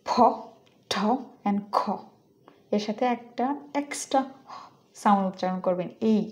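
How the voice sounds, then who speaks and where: A woman's voice: mid-range voice, mellow. A woman with a Bangladeshi accent teaching English pronunciation, stretching out and exaggerating each model word. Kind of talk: pronunciation lesson.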